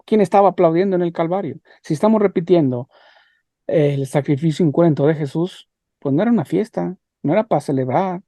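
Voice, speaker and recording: A man teaching an online religion class, talking haltingly with repeated words and rhetorical questions. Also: fairly high pitch, dark tone, no echo. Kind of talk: leading an online class discussion.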